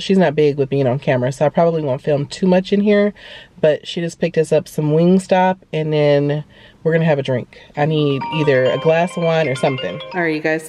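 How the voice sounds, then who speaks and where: A woman in her thirties chats casually to her vlog viewers, addressing them directly and familiarly. Her voice sits low with a dark tone, and music plays behind her.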